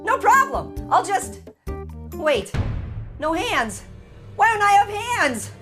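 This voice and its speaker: A man voicing a wisecracking talking orange in a cartoon, in a high, pitched-up cartoon voice. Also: big pitch swings, slow pace, music in the background, exaggerated voice. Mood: dazed. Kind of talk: cartoon voice acting.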